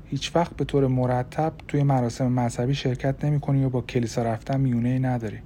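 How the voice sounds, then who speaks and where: A man's voice: medium pitch, fairly even intonation, warm tone, slight background noise, lightly acted. A man voicing an anxious, tearful young wife in an audiobook, with fearful, pleading questions. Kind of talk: audiobook character voice.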